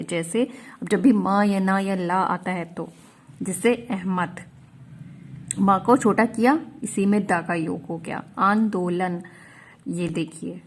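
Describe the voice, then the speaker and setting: A woman teaching a shorthand class, explaining each rule step by step and often checking that her students follow. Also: lowish voice. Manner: slow, patient, often checks in with "ठीक है?".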